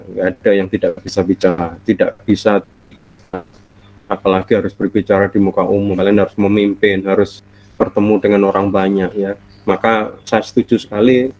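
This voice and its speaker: A middle-aged man with a lowish, slightly mellow voice gives an online university lecture from home, sounding nasal and stuffy from a cold. He's friendly and chatty, laughs a lot and draws out his fillers. The audio is dull, lo-fi online call sound.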